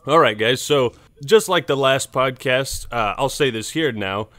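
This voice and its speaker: A man's voice: mid-range voice, measured pace, fairly bright tone, no room sound. A man hosting a casual podcast, playful and theatrical. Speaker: podcast host.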